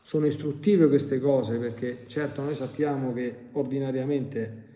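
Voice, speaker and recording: A male priest gives a sermon, measured and unhurried, repeating his phrases as he goes. His voice is mellow and dark. The hall around him rings with a long reverb. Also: medium pitch, steady tone. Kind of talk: sermon with reading and commentary.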